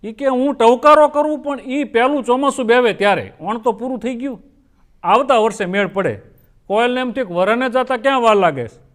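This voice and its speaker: A man's voice: extremely high pitch, a little fast, fairly bright tone. A man telling folksy comic stories on stage and acting out his characters' lines. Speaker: folk comedian. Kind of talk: stage comedy storytelling.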